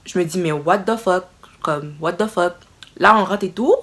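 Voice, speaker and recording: Young woman, slightly low voice, expressive, exclaiming storyteller, casual vlog chat. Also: normal speed. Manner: expressive, exclaiming, dramatic retelling. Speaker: vlogger.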